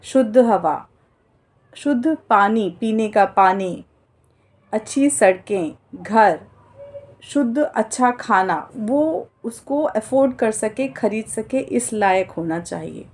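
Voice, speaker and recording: Woman, fairly high voice, earnest, explains each term, casual monologue. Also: expressive, slow pace. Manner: earnest, explains terms, mixes in English words. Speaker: political commentator.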